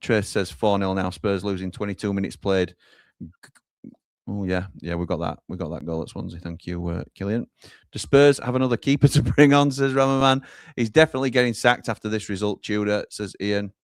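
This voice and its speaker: A man hosts a live football watchalong in a low voice. He reads out viewer comments and hands over to reporters at the grounds. The sound is close and dry. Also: fairly quick, no room sound. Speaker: watchalong host.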